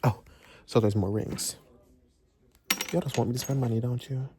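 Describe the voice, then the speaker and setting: A man's voice: medium pitch, steady tone, normal speed, mellow, a little hiss or hum. A young man chewing gum and joking to viewers in a casual vlog, filmed on a handheld phone inside stores. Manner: playful, joking asides to viewers; chewing gum while talking. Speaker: vlogger.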